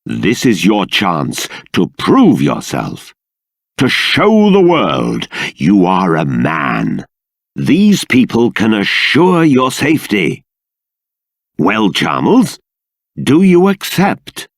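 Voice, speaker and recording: A stern fantasy game king with a low voice full of gravel. He is regal and formal, a father easily exasperated. His delivery is slow and deliberate, weighing each word with theatrical emphasis. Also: wildly swooping pitch, no echo, clean studio sound, exaggerated voice. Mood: urging, authoritative. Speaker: video game character voice.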